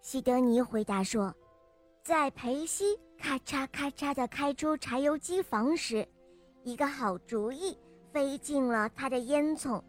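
High-voiced woman telling a children's story. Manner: bright, lively storytelling voice. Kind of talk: scripted children's story narration.

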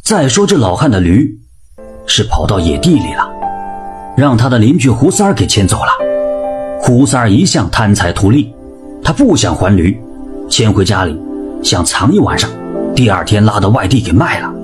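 A man narrating a comic folk tale in a dramatic, lively storytelling manner. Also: fairly low pitch, normal speed, pauses often. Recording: music bed behind voice.

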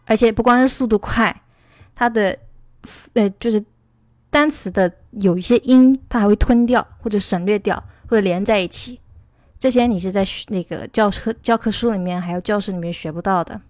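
Brief: chatty woman teacher from China, mid-pitched, dry close sound, loose explanatory talk. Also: brisk, darkish tone, no room sound. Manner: rambling, explanatory. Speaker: English teacher. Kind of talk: casual online lesson.

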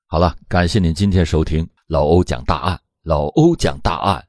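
A man's voice: a bass voice, moderate pace, a little mellow, no echo, clean studio sound. A man hosting a true crime storytelling show, narrating a court case from a script with dramatic emphasis at the start of phrases.

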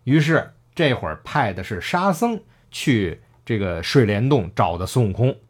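Man, casual storytelling, animated pitch, plays the characters' lines. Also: moderate pace. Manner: lively, acts out characters' lines, laughs often. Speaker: storyteller retelling a classic novel.

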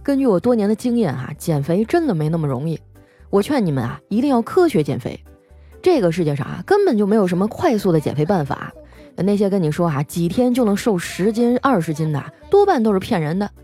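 A woman's voice: medium pitch, big pitch swings, a little fast, dark tone, faint music behind. A female podcast host telling comic stories in a chatty, teasing way. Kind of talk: comic storytelling.

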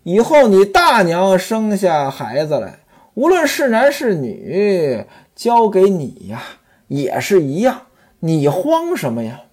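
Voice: medium pitch, huge pitch swings, takes it slowly, darkish tone, husky, heavily acted. A storyteller voicing a weary grieving young mother. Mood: consoling. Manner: weary, resigned.

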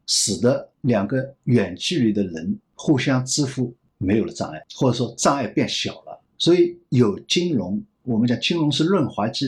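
思路绕来绕去的男嘉宾. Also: male voice, medium pitch. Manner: rambling, repeats phrases while reasoning aloud. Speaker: banking expert guest. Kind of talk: thoughtful interview answers.

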